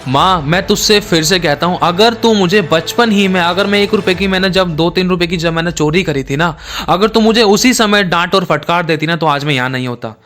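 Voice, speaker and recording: A man's voice: sits high, brisk, fairly bright tone, faint music behind. A man voicing a condemned young man who angrily blames his mother, speaking in a raised, insistent way. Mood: bitter accusing.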